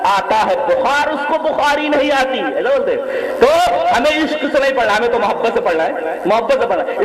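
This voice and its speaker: Very high-voiced preacher man, echoing hall. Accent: Pakistani Urdu. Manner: lively, recites poetry and Arabic hadith, then explains it. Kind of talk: sermon.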